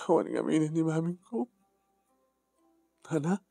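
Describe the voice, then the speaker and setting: A man's voice: on the high side, lively intonation, takes it slowly, vocal fry, dark tone, slightly rough, no room sound, soft background music, exaggerated voice. A man speaking heartfelt family drama dialogue.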